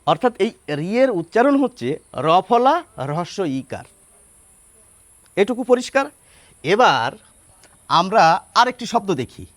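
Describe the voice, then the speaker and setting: Lively, high-voiced man teaching pronunciation. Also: no echo. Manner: explains step by step, spelling words out slowly and asking rhetorical questions. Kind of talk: spoken lesson explaining pronunciation.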